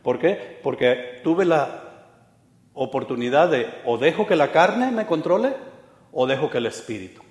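Preacher in an echoey hall. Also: male voice, fairly high pitch, animated, measured pace, darkish tone. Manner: conversational storytelling, humorous asides. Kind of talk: sermon. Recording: echoey hall with long reverb.

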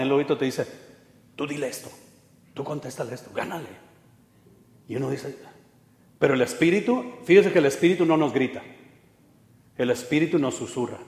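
A man preaches a sermon, telling personal stories with humor in a relaxed, chatty way. His voice sits fairly high for a man. It rings out through a hall with long, roomy reverb. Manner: conversational storytelling, humorous asides.

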